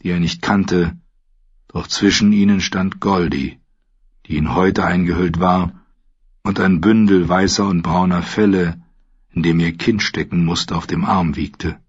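A man reading a fantasy audiobook with expressive storytelling. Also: low-pitched, measured pace, breathy edge, no room sound, muffled recording. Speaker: audiobook narrator. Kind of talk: scripted narration.

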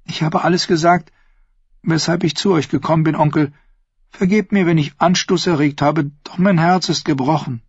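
A man's voice: a little high, fairly even intonation, moderate pace, husky, dry recording, voice pushed up. A man voicing a sly, sweet-voiced young woman with a lilting, scheming delivery in an audiobook. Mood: sweet, pleading. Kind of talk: audiobook character voice. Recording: dull lo-fi audio.

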